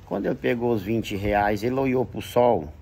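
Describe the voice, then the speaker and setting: A man's voice: normal speed, vocal fry, a little mellow, slight background noise. A man with a Brazilian Portuguese accent recounting a personal religious testimony with emotion, his voice rising as he retells dialogue. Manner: emotional, rises in pitch when retelling dialogue. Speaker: witness giving a religious testimony.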